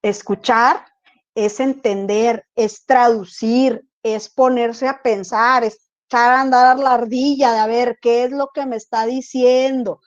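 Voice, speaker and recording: A woman's voice: fairly high pitch, fairly even intonation, a little slow. A woman teacher giving an online class, explaining and often checking that students follow. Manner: explains with repeated check-in questions. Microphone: video call. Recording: dull lo-fi video call audio.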